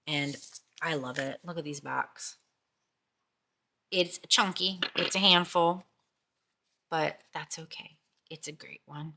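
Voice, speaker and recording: Woman vlogging about tarot, low pitch but bright, keeps repeating herself. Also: fairly even intonation, slow, pauses often. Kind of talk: casual chat.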